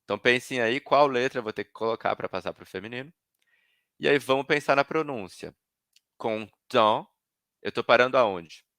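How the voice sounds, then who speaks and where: Bright-voiced man teaching French online. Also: mid-range voice, a little fast, clean studio sound. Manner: patient, repeats words for students to echo. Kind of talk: live online language lesson.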